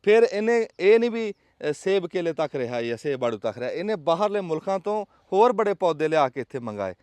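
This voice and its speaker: A man's voice: on the high side, lively intonation, fairly quick, a little mellow, no room sound. A man with a Pakistani Punjabi accent hosting a casual vlog in an emphatic, rhetorical, folksy storytelling way. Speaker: vlog host. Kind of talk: casual outdoor vlog talk.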